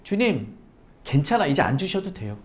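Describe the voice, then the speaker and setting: A woman's voice: deep voice, sing-song, moderate pace, darkish tone, voice pushed down. A woman voicing weary old Sarah, pleading. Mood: resigned. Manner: tired, plaintive complaining. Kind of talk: sermon with acted quotes.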